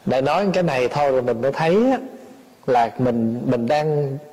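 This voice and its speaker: Husky monk in a hall. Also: male voice, mid-range voice, lively intonation, moderate pace, darkish tone. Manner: explains patiently with everyday examples and questions. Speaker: Buddhist teacher. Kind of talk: dharma talk explaining a sutra. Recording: long hall reverb.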